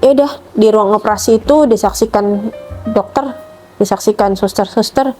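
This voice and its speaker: With soft music in the background, a middle-aged woman speaks at normal speed in a mellow voice, giving a personal testimony about her child as part of her conversion story. Her retelling is emotional, and she voices the dialogue with a rising pitch.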